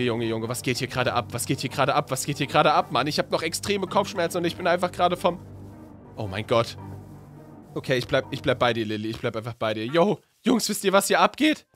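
A man's voice: high voice, fairly bright tone. A man playing himself in a Minecraft story, talking in a casual, slangy way and sounding confused and hesitant. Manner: slangy and casual, often asking what is going on. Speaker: YouTuber playing his own character in a Minecraft story. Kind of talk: role-played Minecraft story with casual chat.

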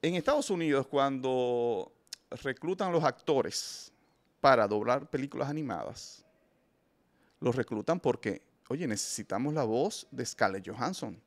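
A man hosting a film review show, giving opinionated casual commentary and speaking emphatically to his listeners, often restarting his sentences. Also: mid-range voice. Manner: emphatic, addresses listeners directly, frequent restarts.

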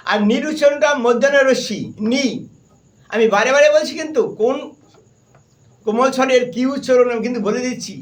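A man's voice: very high voice, recorded from a distance. A man with a Bengali accent teaching a harmonium and keyboard class, firmly repeating points and naming notes as he plays. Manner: firm, repetitive, stern reminders to students; names and sings note syllables while playing. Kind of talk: music lesson. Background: keyboard playing.

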